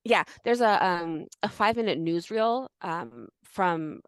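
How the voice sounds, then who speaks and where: A woman's voice: fairly low pitch, animated, a little slow, clean tone, no echo. A woman co-hosting a podcast in casual chat, telling the story in a chatty way full of fillers. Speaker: podcast co-host.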